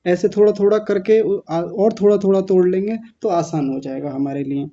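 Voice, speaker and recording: A Sanskrit pronunciation teacher leads an online class slowly and deliberately, his voice high yet very dark and mellow. He splits long words into pieces, repeats them patiently, and corrects learners. The audio is a little dull and muffled.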